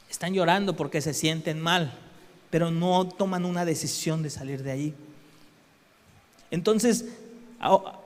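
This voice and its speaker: A man's voice: high voice, in a large hall. A man preaching a sermon in a conversational way, asking the congregation rhetorical questions.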